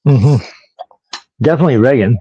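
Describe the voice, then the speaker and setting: A man's voice: mid-range voice, lively intonation, normal speed, dark tone, breathy edge, dry recording, dull audio. A man co-hosting a live podcast in casual chat, rambling and joking between impressions. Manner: rambling, jokey, does impressions. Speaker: podcast co-host.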